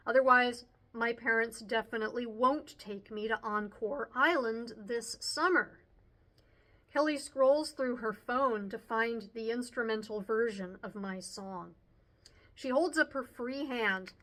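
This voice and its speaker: Woman, audiobook narrator, first person, expressive, slow, higher voice. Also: rough recording.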